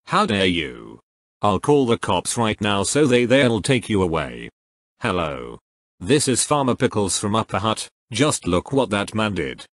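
A man's voice: lowish voice, very animated, unhurried, no room sound, clean studio sound. A man voicing an indignant middle-aged farmer in a cartoon, complaining about his ruined tractor.

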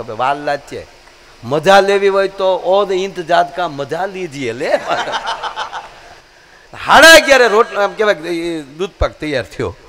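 Male dayro storyteller, fairly high voice, lively character voices. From Gujarat, India. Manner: animated, shifts voices for characters. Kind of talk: live comic folk storytelling.

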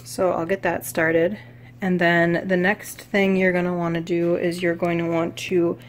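A young woman chats her way through a home cooking vlog in a slightly low voice. She rambles and fills her pauses as she films on a phone at arm's length, with faint kitchen hum behind her. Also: little pitch movement. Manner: chatty and rambling, with many fillers. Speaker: cooking vlogger. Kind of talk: casual cook-along vlog. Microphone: phone camera at arm's length.

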